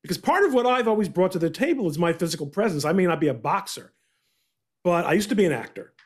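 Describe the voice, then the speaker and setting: Middle-aged male host, slightly higher voice, measured and deliberate delivery. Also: very animated, husky. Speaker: podcast host. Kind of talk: conversational interview.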